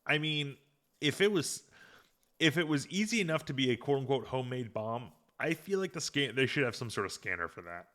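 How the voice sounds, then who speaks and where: A man's voice: mid-range voice, lively intonation, a little fast, a bit bright. A man hosting a podcast, casually recapping an episode with rambling restarts and fillers. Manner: rambling, many restarts and fillers, reads out quotes. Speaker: podcast host.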